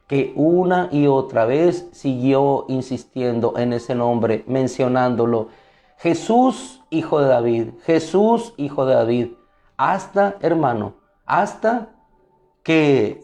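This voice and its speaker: A man preaching a devotional sermon in a fairly high, mellow voice. He is emphatic and leans on rhetorical questions and repeated phrases.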